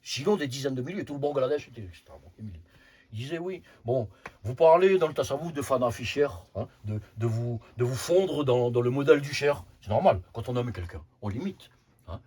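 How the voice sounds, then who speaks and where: A man's voice: mid-range voice, animated, brisk, a little mellow, slightly rough. A man over fifty giving an informal spiritual talk as a Sufi teacher, often repeating words and tagging phrases with short asides. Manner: repeats words, frequent "hein" tags, emphatic bursts.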